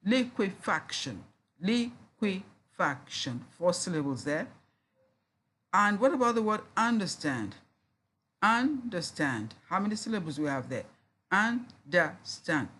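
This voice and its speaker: A university lecturer giving a recorded lesson, talking slowly and deliberately, repeating each word to sound it out and spelling out letters. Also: mid-range voice, very animated, a bit bright.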